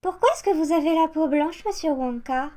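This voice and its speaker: A timid little schoolgirl asks her polite questions in a very high, thin falsetto that sits soft and mellow, put on by a man. Her tone stays innocent and meek. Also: a little fast.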